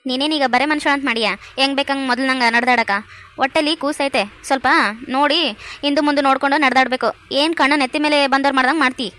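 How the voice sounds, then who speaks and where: Bossy village mother-in-law, brisk scolding, high bright voice, voiced by a woman. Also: fairly even intonation. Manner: brisk, scolding rural speech. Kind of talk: cartoon voice acting.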